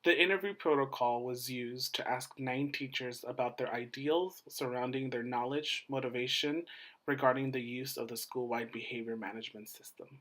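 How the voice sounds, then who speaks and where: Guy doing a formal dissertation defense talk, scripted, measured short phrases, medium pitched voice. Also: steady tone, a bit bright, low-quality recording. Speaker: doctoral student presenting a dissertation defense. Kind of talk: formal scripted academic presentation.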